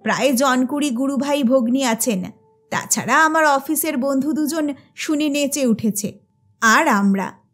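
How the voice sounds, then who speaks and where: Storybook figure: a fidgety, overtalkative grown son, hurried speech, as a woman narrator puts him on. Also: sits high, a bit bright, soft background music. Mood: awkward. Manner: hurried, awkward, talkative.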